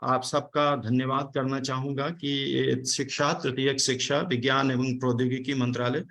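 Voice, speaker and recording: A man's voice: mid-range voice, level tone, moderate pace, a bit bright. A man from Delhi giving a formal academic talk and thanks on a video call, explaining word meanings with hesitant fillers. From Delhi, India. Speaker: speaker giving vote of thanks at online event.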